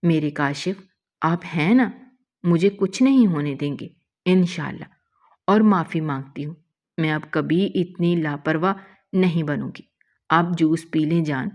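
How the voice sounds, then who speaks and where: A woman with a low voice voicing a devoted young wife, who speaks in a soft, coaxing and affectionate way, in an emotional story reading. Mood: gentle.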